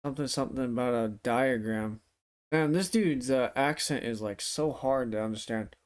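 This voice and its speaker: Speaking at a normal pace in a clear, resonant mid-range voice, this young adult reacts to music from home in his living room. He's loose, slangy and sweary, though his swollen face and aching tooth shape his speech.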